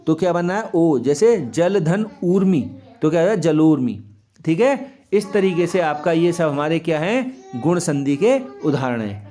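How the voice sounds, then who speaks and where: A man gives a grammar lesson to young students, his voice sitting a little high. He asks the class a question, then answers it himself. He goes over each example slowly, stretching out the key sounds. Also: lively intonation, dark tone, soft background music. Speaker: teacher. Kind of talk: Hindi grammar lesson for children.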